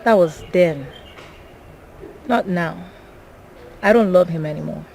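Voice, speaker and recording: An actress with a Nigerian accent playing a bitter, hurt wife in a film drama. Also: female voice, on the low side, takes it slowly, gravelly, darkish tone, slight background noise, rough recording. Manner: dismissive, bitter.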